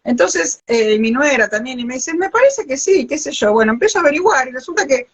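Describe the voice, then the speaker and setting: She's an older woman from Argentina, a biologist hosting a relaxed live interview via video call, with a high-pitched, brisk, slightly rough voice and a Rioplatense accent. Her storytelling is lively, with frequent restarts.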